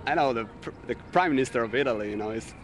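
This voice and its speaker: A man's voice: mid-range voice, fast talker. An Albanian-accented man from Albania co-hosts a casual talk show outdoors, dropping "you know" and "uh" into nearly every sentence. His voice sits mid-range, with faint city noise behind him. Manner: many fillers, "you know" and "uh". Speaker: co-host.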